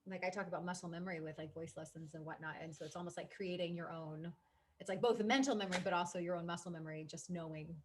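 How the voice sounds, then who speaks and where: A woman's voice: lowish voice, steady tone, quick pace, a little hiss or hum. A woman hosting a casual interview over a video call, an eager and enthusiastic voice teacher. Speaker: host, voice teacher.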